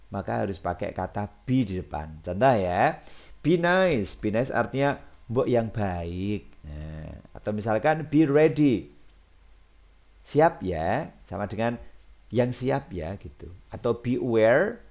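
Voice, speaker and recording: A man with a fairly low voice gives a recorded language lesson. He explains patiently and slows right down to read each English example with clear stress. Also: lively intonation, darkish tone. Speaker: English teacher.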